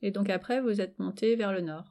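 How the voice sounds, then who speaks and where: A woman hosting an interview, asking relaxed questions with playful follow-ups. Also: mid-range voice, brisk. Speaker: interviewer host. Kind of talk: casual conversational interview.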